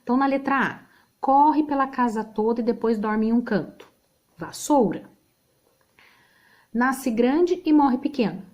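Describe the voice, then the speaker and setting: A woman's voice: on the high side, animated, measured pace, pauses often, a little mellow, highs cut off. A woman with a Brazilian Portuguese accent teaching a remote spelling lesson, patient, checking in with the class often.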